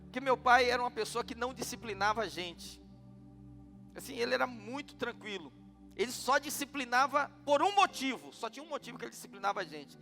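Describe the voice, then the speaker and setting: High-voiced Brazilian pastor preaching. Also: male voice, animated, brisk, sharp tone, in a large hall, soft background music. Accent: Brazilian Portuguese. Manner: storytelling, asking the congregation questions. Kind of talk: sermon.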